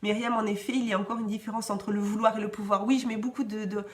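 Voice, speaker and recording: A woman's voice: mid-range voice, little pitch movement, fast talker. A woman podcast host chatting casually and encouragingly, reading listener comments with frequent restarts and light laughter. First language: French. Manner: warm encouraging, often laughing; hesitant restarts, varied pace.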